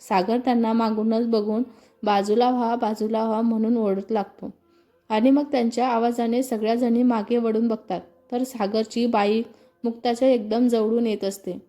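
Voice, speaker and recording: Mellow, high-voiced woman storyteller. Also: flat delivery, normal speed. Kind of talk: scripted story narration.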